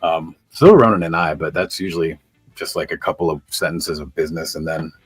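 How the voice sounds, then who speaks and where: A man's voice: a bass voice, a little fast, breathy edge, no echo, faint music behind. A man in his fifties chatting candidly on a livestream as a guest, talkative and freely swearing. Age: 50s. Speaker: guest collector. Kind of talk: casual chat on a charity livestream.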